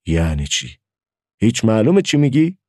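A man reading a story aloud and voicing a gruff, impatient village father who gives brusque orders. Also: fairly low pitch, wildly swooping pitch, darkish tone, dry recording, clean studio sound, voice pushed up. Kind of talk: audiobook character voice.

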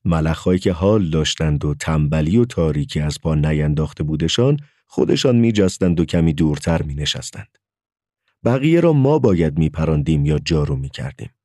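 A man's voice: extremely low pitch, animated, dark tone, no echo, clean studio sound. A man narrating a story as an audiobook, telling it expressively.

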